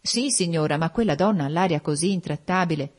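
A woman's voice: low voice, animated, brisk. A woman reading as an anxious male servant. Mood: deferential. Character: hesitant male servant reporting to guests.

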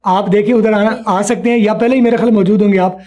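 A man teaching spoken English in an online class, repeating each sound slowly for his students. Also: high voice, steady tone, warm tone.

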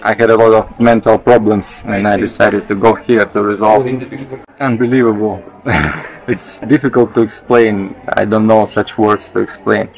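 A man, halting and searching for words in an interview. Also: lowish voice, steady tone, poor audio. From Russia. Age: 30s. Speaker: retreat participant. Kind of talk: casual interview.

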